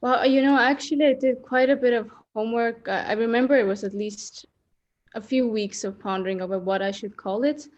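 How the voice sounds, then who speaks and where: A woman's voice: fairly high pitch, steady tone, fairly quick, highs cut off. A woman in her thirties from Estonia, a podcast guest speaking candidly and reflectively, with many ums. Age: 30s. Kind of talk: podcast interview.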